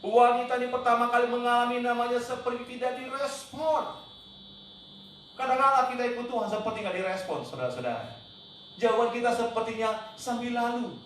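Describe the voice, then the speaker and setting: High-voiced preaching man in echoing church. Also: fairly quick. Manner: emphatic preaching, mixing English words, shouting quoted cries. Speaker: pastor. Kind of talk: sermon. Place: church hall. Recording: very echoey church hall, mic at a distance, faint noise.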